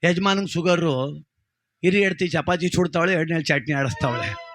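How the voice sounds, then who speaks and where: A man telling a comic village folk story in a lively, chatty way. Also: fairly high pitch, moderate pace, slight background noise. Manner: lively, chatty, addresses listener.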